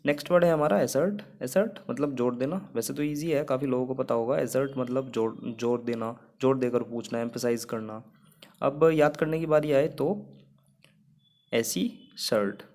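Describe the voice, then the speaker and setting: A man's voice: medium pitch, a little mellow. A young man teaching English vocabulary in Hindi. He explains each word patiently and builds a memory trick around it.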